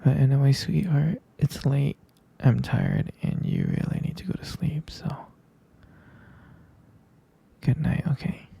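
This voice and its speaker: Patient and explaining, a man murmurs as a tender, sleepy vampire boyfriend in an intimate ASMR bedtime scene, using a breathy, gravelly half-whisper with hesitation. He speaks at medium pitch, unhurried, with long pauses and heavy acting.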